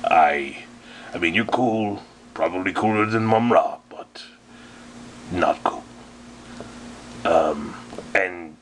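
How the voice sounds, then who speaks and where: A man voicing a vain, scheming male mummy sorcerer villain in a toy figure parody play, with a slow, deep, mock-menacing drawl. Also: a bit bright, a little hiss or hum, poor audio. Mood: jealous.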